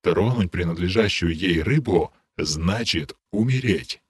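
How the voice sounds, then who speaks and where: A man voicing a solemn male game system announcer in an audiobook, speaking in a formal, measured way. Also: sits low, lively intonation, breathy edge, no echo, clean studio sound, exaggerated voice.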